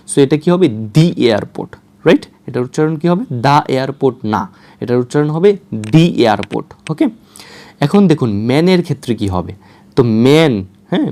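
A man whose first language is Bengali gives a spoken English lesson. He moves through examples one at a time, keeps asking his students "right?", and talks at an average pitch with a clear, ordinary voice. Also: mellow. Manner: explains step by step, often asks "right?". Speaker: English teacher.

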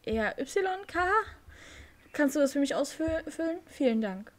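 A woman's voice: high-pitched, lively intonation, measured pace, a little mellow, pitched above the performer's own voice. A woman voicing Ricky, a nervous young male rider in a horse game, reading his lines aloud with small slips.

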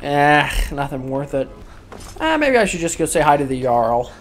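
A woman hosting a let's play, cursing and yelling in exasperation at the game's characters. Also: low voice, big pitch swings, moderate pace. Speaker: gaming video host.

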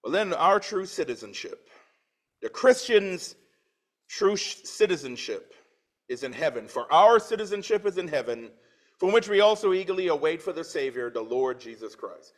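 A man's voice: fairly high pitch, sing-song, normal speed. A man in his forties from Trinidad, preaching a sermon in church, reading scripture with swelling emphasis and dropping into plain conversational asides. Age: 40s.

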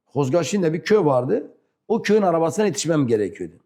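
A man with a southeastern Turkish accent tells personal stories in broken, non-fluent Turkish, halting and repeating himself. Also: a little high, very animated, warm tone. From rural southeastern Turkey. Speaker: interview guest. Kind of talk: animated personal storytelling.

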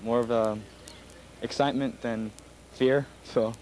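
A man's voice: mid-range voice, fairly even intonation, measured pace, darkish tone, rough recording. Young guy, new cadet, kinda hesitant, faint noise behind. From United States. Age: young adult. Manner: hesitant, with fillers. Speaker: incoming cadet. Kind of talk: short interview.

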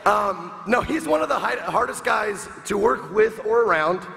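A man's voice: sits high, animated, moderate pace, creaky. A man performing a comedy roast on stage, firing off mocking punchlines and laughing at his own jokes. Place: large convention hall with live crowd. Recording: echoey hall, noisy crowd.

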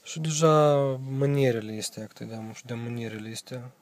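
This is a young man's mid-range voice, recorded with no room sound on a handheld phone inside a parked car. Speaking with a Moldovan accent, the vlogger gives a casual car walkthrough, wandering through his thoughts hesitantly and filling gaps with filler words.

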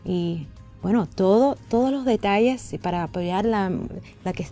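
A woman, a native English speaker with American-accented Spanish, answering haltingly in an interview and searching for words. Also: medium pitch, dark tone, faint music behind. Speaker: interview guest, singer. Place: indoor radio and TV studio set.

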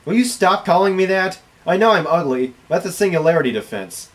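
A young adult man acts in an amateur comedy skit filmed on a camera in a small bedroom at home. His high voice is fairly quick, with lively intonation and an exclamatory, exasperated delivery.

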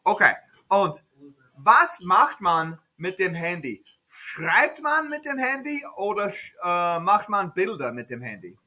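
A man, a native English speaker, teaches German to a beginner class in a classroom. His voice is high, very bright and lively, rising and falling widely. He asks simple questions, repeats them and often answers them himself. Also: slow.

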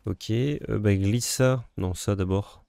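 A man's voice: on the low side, slow pace, creaky, dark tone, clear, resonant tone, dry recording. A man co-hosting a card game video, chatting casually, teasing his partner and thinking aloud as he plays. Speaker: co-host playing a card game. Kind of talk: casual gameplay chat.

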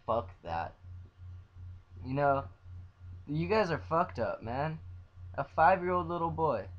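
In a profane vlog with lo-fi sound, a young man rants and swears nonstop, repeating himself as he swings between loud outbursts and low mutters.

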